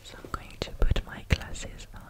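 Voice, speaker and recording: A native French speaker with a French accent reading in a hushed, close ASMR whisper, carefully and a little haltingly. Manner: careful, halting over difficult English words. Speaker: ASMR reader. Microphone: close microphone.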